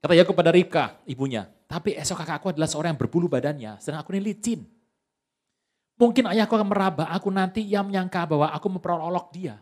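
A male pastor preaching a sermon in a lively, joking way, often speaking straight to the congregation. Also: sits high, fast talker.

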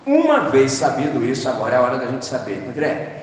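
A man's voice: mid-range voice, huge pitch swings, quick pace, slight background noise. A man with a Brazilian accent preaching a sermon in a colloquial, storytelling way, acting out the voices in his stories. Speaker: pastor. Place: church service. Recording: echoey church hall, mic from far off.

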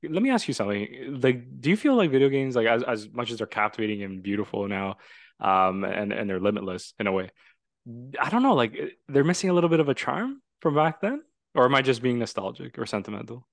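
A young male podcast host who talks quickly and swears casually, firing off eager questions at his guest. His voice comes through dry and close. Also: mid-range voice, very animated, no echo. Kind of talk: casual chat.

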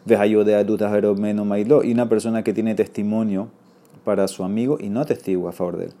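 A man's voice: on the low side, fairly even intonation, fast, dark tone. A man teaching a Talmud class, reading Aramaic and explaining it in Spanish, often checking with his listeners. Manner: reads Aramaic then explains in Spanish, asks "¿ok?".

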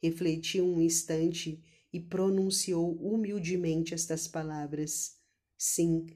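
A woman reading a devotional account aloud in a slow, solemn, hushed manner. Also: fairly low pitch, fairly even intonation. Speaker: narrator.

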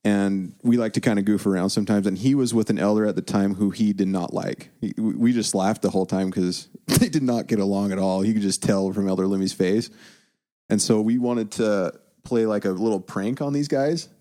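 Young man, lowish voice, casual storytelling with lots of laughs. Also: steady tone, a little fast, warm tone. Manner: laughs often while telling stories. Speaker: guest.

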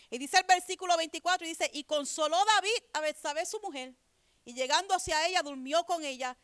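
High-voiced woman preaching conversationally. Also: fairly bright tone, no echo. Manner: conversational preaching, repeatedly asks "¿verdad?"; reads scripture aloud and explains it. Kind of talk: sermon.

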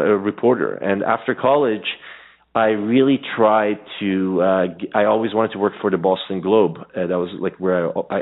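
A man from Iran telling his life story as an interview guest, rambling with many fillers and restarts. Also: lowish voice. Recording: tinny phone-line radio sound.

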